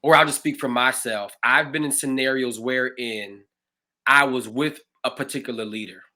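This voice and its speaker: A man, a pastor hosting a livestreamed conversation, telling his own stories in an animated, expressive way. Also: mid-range voice, normal speed. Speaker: pastor and show host.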